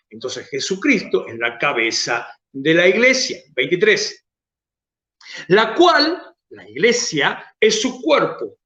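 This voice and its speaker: A man with an Argentine accent preaches in a high, lively voice that leaps up on stressed words and sinks to near-murmurs between them. The sound is roomy and dull, like a lo-fi church recording. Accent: Argentine Spanish. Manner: emphatic preaching, swinging between raised, stretched phrases and soft low asides. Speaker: pastor. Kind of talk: sermon.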